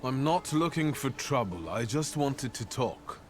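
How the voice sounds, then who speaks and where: An actor playing a polite, steady investigator in a dark fantasy video game, speaking formally. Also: male voice, mid-range voice, measured pace, faint music behind, lightly acted. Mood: polite, measured. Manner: courteous, formal.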